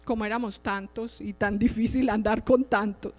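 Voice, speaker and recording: A woman's voice: a little high, fairly even intonation, moderate pace, darkish tone. A middle-aged woman gives a religious teaching mixed with personal testimony. She speaks in a conversational way and keeps checking in with her listeners. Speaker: lay preacher giving testimony. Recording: reverberant hall with faint music behind.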